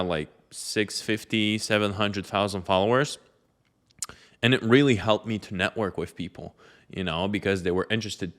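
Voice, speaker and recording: A young man from Lithuania, whose voice is on the low side and a bit bright, speaks casually to camera. He rambles about his life and gives advice, his delivery loose and heavy with fillers.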